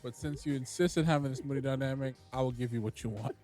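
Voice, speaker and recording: A man's voice: mid-range voice, quick pace, a little mellow, soft background music. A man co-hosting a podcast, reading a news story aloud in casual slang and stumbling over words. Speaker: podcast co-host.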